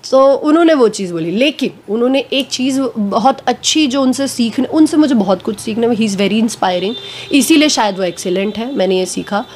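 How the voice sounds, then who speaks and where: A woman actress giving a casual interview at home, talking frankly and a little hoarse from a cold, slipping English phrases into her speech. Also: on the high side, animated, moderate pace, a little mellow, a little hiss or hum.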